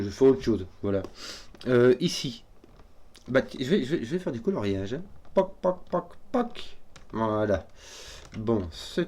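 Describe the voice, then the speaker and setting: A man solving a number puzzle out loud, hesitant and often correcting himself as he works through it. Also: fairly low pitch, breathy edge. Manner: hesitant, self-correcting, halting. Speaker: puzzle solver. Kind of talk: thinking aloud while solving a puzzle.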